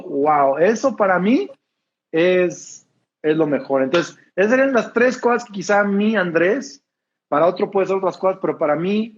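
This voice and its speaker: A Mexican man speaks as a guest preacher, his voice pitched high and a little husky. He talks with a constant smile, his warmth coming through as he explains things. The recording is dull and lo-fi. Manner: smiling, laughing tone of grace. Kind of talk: casual interview talk.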